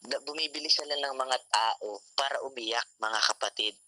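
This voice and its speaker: This youth devotion speaker's Taglish sermon, heard through a call mic in a home online meeting room, keeps returning to "mga kapatid." He speaks at a moderate pace in a medium-pitched, sharp voice, and the audio is dry and poor.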